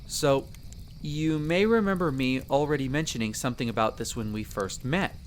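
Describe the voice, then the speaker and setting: In a roleplay audio drama, a man voices a friendly, chatty male elf explorer who is an eager magic mentor, patiently explaining things to the listener in an easygoing, conversational way. His natural mid-range voice moves at a moderate pace over slight background noise.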